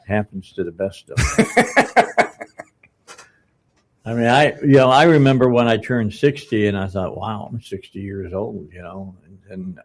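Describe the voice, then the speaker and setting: An older man in his seventies hosts a casual radio talk show from the studio. His voice sits a bit low, and he rambles along, stopping and restarting his sentences and chuckling between thoughts. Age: 70s. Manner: rambling, halting, many uh's and restarts, chuckles often.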